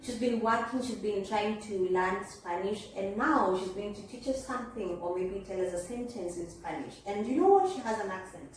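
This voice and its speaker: A woman hosts a casual interview in an encouraging, chatty manner, often speaking straight to viewers. Her mid-pitched voice sits away from the mic in a heavily echoing space, with faint noise. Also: animated, moderate pace, hardly any pauses. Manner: addresses viewers directly, encouraging. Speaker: interviewer, host. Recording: echoey room, distant mic, faint noise.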